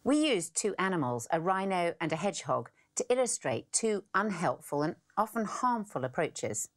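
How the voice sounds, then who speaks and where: Co-presenter: woman, low and lively, scripted course narration. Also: moderate pace.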